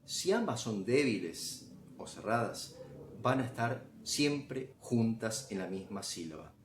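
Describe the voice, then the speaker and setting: A man teaches a grammar lesson. He explains patiently, one step at a time, pausing to ask if the listener is following. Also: fairly low pitch, very animated, slight background noise. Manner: patient, step-by-step, checks understanding with "¿sí?".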